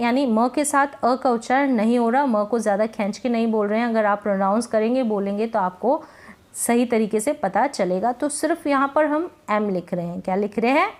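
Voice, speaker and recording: A woman giving a spelling lesson, spelling letter by letter and repeating each answer as a drill. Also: fairly high pitch. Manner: slow and deliberate. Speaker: teacher.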